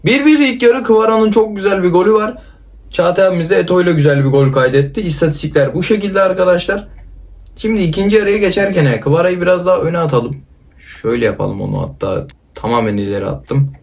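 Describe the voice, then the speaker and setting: A man doing excitable casual commentary over a football video game with a friend, calling out player names. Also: high-pitched, fast, gravelly. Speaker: gaming YouTuber.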